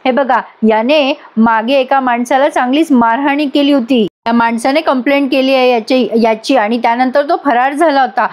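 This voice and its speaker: A woman's voice: high-pitched, fairly even intonation, normal speed, few pauses, a little mellow, lightly acted. A woman voicing a stern, questioning male police inspector in a story recap.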